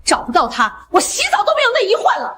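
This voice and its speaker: An actress playing a spiteful, domineering older mother-in-law who scolds loudly in a short drama. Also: extremely high pitch, huge pitch swings, quick pace, slight background noise, heavily acted. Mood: scolding. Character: bossy shrill mother-in-law, spiteful and loud.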